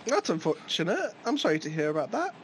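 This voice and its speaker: A man's voice: high voice, wildly swooping pitch, quick pace, slight background noise. A man playing a tabletop game, chatting casually in and out of character.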